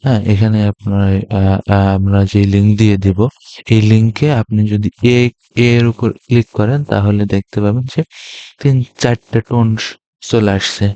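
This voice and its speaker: A man from Bangladesh teaches an online class with a low, mellow voice that stays flat. He explains slowly and hesitantly, full of fillers. The sound is dry and a little dull. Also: no room sound. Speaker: language teacher.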